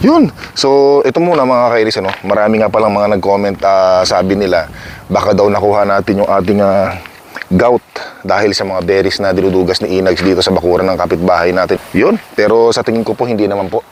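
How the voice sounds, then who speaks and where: Man from the Philippines, deep voice, rambling self-mocking vlogger, clip-on mic outdoors with faint ambient hiss. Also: fairly even intonation, a little fast. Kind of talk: casual chatty vlog addressing viewers. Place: outdoor backyard. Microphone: clip-on microphone.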